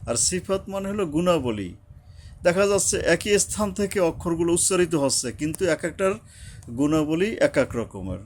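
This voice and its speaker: A man teaching Quran recitation, explaining pronunciation slowly and chanting short verses to show each sound. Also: on the high side, very animated, darkish tone, a little hiss or hum. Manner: slow, careful, demonstrating sounds, chanting verses. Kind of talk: tajweed lesson, explaining and reciting.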